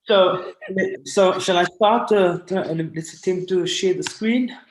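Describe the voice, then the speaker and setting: A high-voiced man from Cape Town, South Africa, is a guest artist telling stories informally from home on a video call, halting and pausing often. The video call microphone gives roomy, echoing audio.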